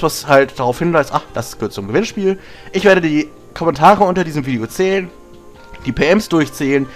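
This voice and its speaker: A man with a fairly high voice, slightly hoarse from an inflamed throat, chats through a gaming video blog. His delivery is informal, blunt and a little rambling, with music playing faintly behind him. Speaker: gaming channel host. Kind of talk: casual spoken video blog.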